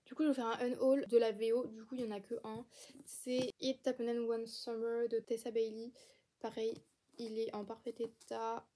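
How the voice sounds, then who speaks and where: Chatty young woman, slightly high voice. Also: little pitch movement, moderate pace, background noise. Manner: chatty, rambling, talks to viewers while working. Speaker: book vlogger. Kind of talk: casual chat while tidying shelves.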